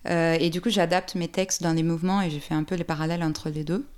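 A Brazilian woman poet speaks French with a Brazilian Portuguese accent in an interview, answering thoughtfully and hesitantly with many fillers and restarts. Her voice is fairly low, steady, fast and a little mellow, with a clean tone.

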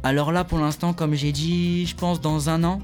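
A man from France, a rapper being interviewed in a radio studio, who answers in short clipped phrases and often confirms with a quick "that's it". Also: on the high side, level tone, a little mellow, faint music behind. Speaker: rapper guest.

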